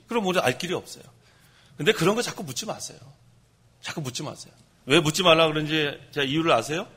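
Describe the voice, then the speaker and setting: Husky-voiced male pastor preaching. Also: a little high. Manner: lively, direct preaching that speaks to the congregation with dry humor. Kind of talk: sermon.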